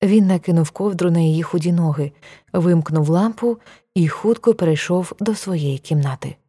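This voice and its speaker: Woman reading an audiobook, calm and even, lowish mellow voice. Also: moderate pace, slightly rough. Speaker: audiobook reader. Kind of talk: audiobook narration.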